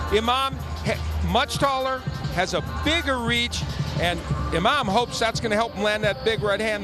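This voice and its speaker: Man, boxing analysis, sports commentary, very high pitch, music in background. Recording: music behind the voice.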